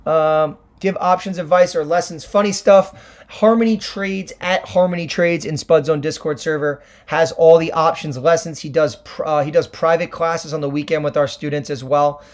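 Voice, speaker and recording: A slightly high-voiced young man, a bit hoarse after a weekend of shouting, talks through stock charts for his livestream viewers. His delivery is chatty and loose, full of ums, uhs and restarts as he explains. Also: steady tone, normal speed. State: hoarse from screaming at games. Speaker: livestream trading host. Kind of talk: casual Q&A livestream, answering chat.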